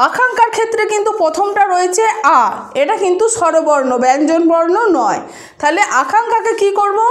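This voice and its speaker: A woman's voice: very high-pitched, echoey room. A woman teacher patiently explaining a grammar lesson to students, often asking them questions. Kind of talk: spoken Bengali grammar lesson.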